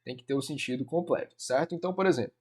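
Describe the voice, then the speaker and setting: A man's voice: mid-range voice, racing, a little mellow, breathy edge. A man with a Brazilian Portuguese accent teaching a Portuguese grammar lesson for an exam, chatty and informal, peppering his explanations with "né" and addressing students as "galera". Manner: casual, addresses students as "cara" and "galera", many fillers like "né".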